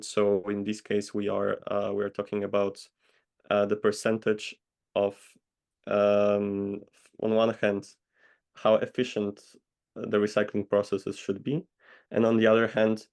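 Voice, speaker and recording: A man from Poland, answering interview questions in a measured, hesitant way over a video call. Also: on the low side, darkish tone. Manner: measured, hesitant with many pauses. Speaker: guest consultant.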